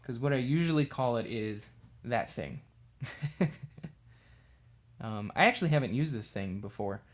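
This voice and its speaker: A man's voice: medium pitch, animated, measured pace. A man casually chatting on a livestream while painting miniatures, rambling and self-deprecating as he works. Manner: talks absent-mindedly while working with a brush.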